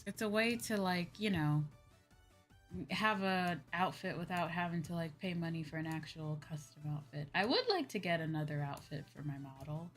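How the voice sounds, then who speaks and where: Over soft background music, a VTuber streamer talks casually with her viewers in a voice on the low side. This young woman speaks at a moderate pace with lively intonation, wandering hesitantly from thought to thought and circling back to the same phrases.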